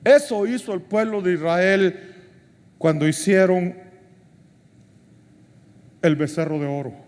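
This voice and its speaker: Impassioned high-voiced pastor, slow and echoing. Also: male voice. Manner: impassioned preaching, rising to near-shouts then dropping to hushed prayer. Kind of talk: sermon. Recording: long hall reverb.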